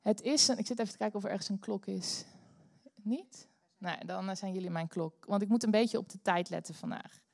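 A Dutch woman preaching a sermon in church, telling a story with animated bursts of energy. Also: medium pitch, brisk, gravelly, dry recording, clean studio sound. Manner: animated, bursts into loud cheering when acting out the story. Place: church hall.

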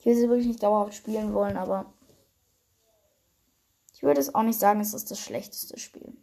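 A woman's voice: medium pitch, fairly quick, creaky, mellow. A young woman casually commenting on her gameplay, grumbling, swearing and muttering half-whispered asides. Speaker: gaming channel host. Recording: noisy home game recording.

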